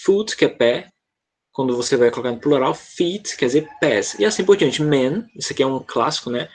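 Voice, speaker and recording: A man's voice: medium pitch, animated, normal speed, a little mellow. A Brazilian man teaching an online English class, explaining patiently and often checking in with the students.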